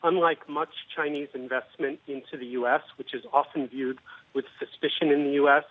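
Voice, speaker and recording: Man, guest analyst, measured and explanatory, slightly high voice, phone-line sound. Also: steady tone, slight background noise. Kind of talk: business news interview. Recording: tinny phone-line audio.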